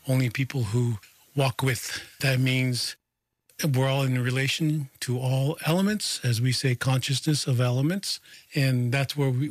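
A male radio host speaking slowly and thoughtfully, often repeating words as he searches for the next phrase. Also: mid-range voice, no echo. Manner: slow, searching, repeats words while thinking. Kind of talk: radio interview.

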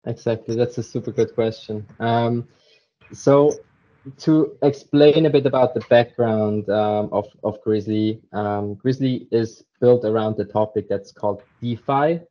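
Speaking a little slowly with fairly even intonation and a medium-pitched voice, this young Zurich man chats casually as a podcast guest about co-founding a crypto startup. He uses many fillers, and the remote recording is dull and lo-fi.

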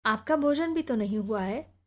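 A reserved, courteous young man from an audiobook novel, speaking in formal, measured phrases, as a woman reader voices him in her own fairly high voice. The delivery stays close to the reader's natural tone. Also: lively intonation, natural voice.

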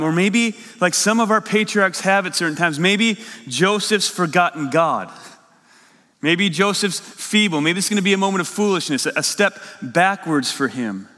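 A man pastor preaching a sermon in an animated, emphatic way that rises with excitement. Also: on the high side. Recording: long reverb of a large hall.

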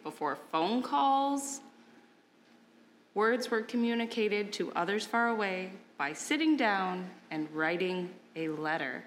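A woman's voice: medium pitch, fairly bright tone, a little hiss or hum. A woman giving an informal, conversational children's sermon, explaining things simply. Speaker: children's message speaker.

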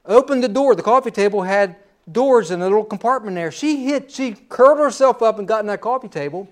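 A man's voice: high voice, lively intonation, a little fast. A middle-aged man preaching a sermon in a folksy storytelling way, with personal asides.

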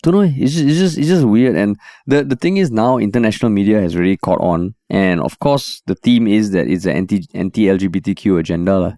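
A man's voice: fairly low pitch, a little fast, few pauses, dark tone, no echo, clean studio sound. A man with a Singaporean accent chatting casually as a podcast co-host, using Singlish slang.

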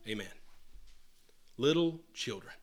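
A man preaching a sermon to a congregation. He talks earnestly, repeats and restarts phrases, and swings between loud and soft. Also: medium pitch, animated, slow pace. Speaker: pastor. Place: church hall with a congregation answering.

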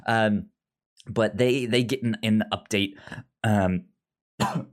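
Slow and fairly even in intonation, a lowish-voiced man hosts a podcast. He keeps things casual and conversational but stammers and repeats syllables a lot.

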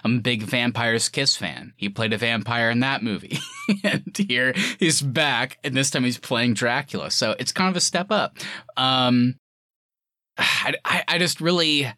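Male podcast host, bright and forward, enthusiastic informal movie talk, close dry sound. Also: medium pitch, a little slow, dry recording. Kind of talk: casual film review chat.

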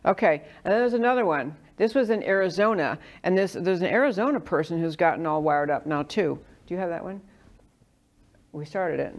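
Lower-voiced woman hosting an interview. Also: a little fast. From New York. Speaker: interview host. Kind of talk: conversational political interview.

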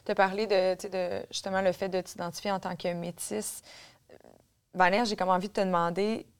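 A woman's voice: mid-range voice, flat delivery, fairly quick, clear, resonant tone. A woman, hosting a podcast and asking long, attentive questions. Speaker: podcast host. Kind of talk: interviewing on a podcast.

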